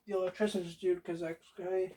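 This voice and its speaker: A woman's voice: on the low side, flat delivery, fairly quick, warm tone, a little hiss or hum. A woman hosting a casual how-to video, rambling, swearing freely and talking straight to the viewer. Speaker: DIY video host.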